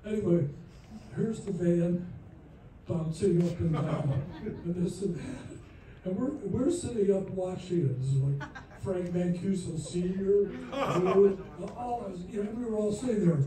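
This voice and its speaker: A man's voice: high voice, measured pace, warm tone, a little hiss or hum. A man telling rambling, joking anecdotes as a guest at a festival Q&A, recorded from far off in an echoey hall. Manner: rambling, jokey, restarts often. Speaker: panel guest. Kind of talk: anecdotal storytelling at a Q&A. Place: festival screening venue.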